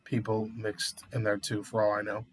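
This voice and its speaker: A man's voice: lowish voice, completely flat delivery, moderate pace, breathy edge. A man co-hosting a casual talk show about recent news, speaking hesitantly as he thinks aloud.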